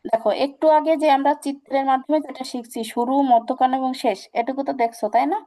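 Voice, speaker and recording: High-voiced woman teaching recitation. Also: fairly even intonation, dark tone. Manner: patient, repeats examples slowly, asks students questions. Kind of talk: online class instruction.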